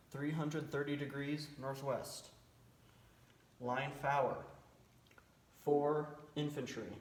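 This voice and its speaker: A man gives a calm radio fire call in a medium-pitched voice. He speaks in clipped, deliberate military procedure, item by item. The room is echoey, with slight background noise. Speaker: military cadet team instructor. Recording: roomy echo, faint background noise.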